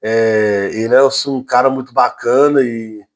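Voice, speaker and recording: A man with a Brazilian accent casually recounting a strange personal experience, halting and repeating his words, with frequent emphatic asides. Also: medium pitch, steady tone. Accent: Brazilian Portuguese. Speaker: storyteller.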